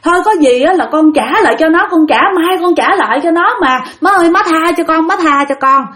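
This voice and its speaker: A woman narrator voicing a middle-aged man who shouts at and then begs his mother, speaking in a rushed, repetitive way. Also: very high-pitched, pitched above the performer's own voice. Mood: begging.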